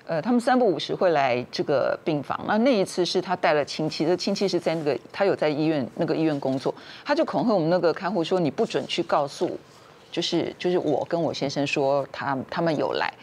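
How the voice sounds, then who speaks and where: A woman's voice: sits low, fairly quick, a little hiss or hum. Woman on a talk show, voice jumps all over, acts out every argument. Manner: lively, acts out the quarrels in raised voices. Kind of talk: animated storytelling on a talk show.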